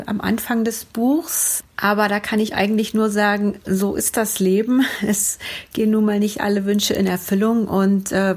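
Hesitant, breathy woman author. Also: mid-range voice, darkish tone. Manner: thoughtful, many hesitations. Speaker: children's book author. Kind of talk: interview answer.

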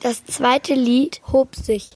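A woman's voice: high voice, steady tone, slow, a little mellow, husky, dry recording. Woman narrating a storybook aloud. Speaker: narrator reading a book aloud.

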